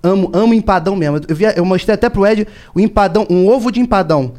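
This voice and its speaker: A man, a stand-up comedian, in casual podcast chat, telling animated stories and often laughing. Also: high-pitched, quick pace.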